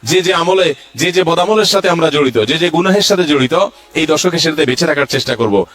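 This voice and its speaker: A man's voice: on the high side, animated, brisk, fairly bright tone. A male Islamic preacher giving a religious lecture, going through numbered points and reciting Arabic verses.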